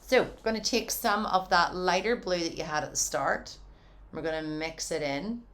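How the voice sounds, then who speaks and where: Woman, low voice, casual painting tutorial, chatty, encouraging, home studio. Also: normal speed, fairly bright tone. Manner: chatty and encouraging, says "wee" a lot.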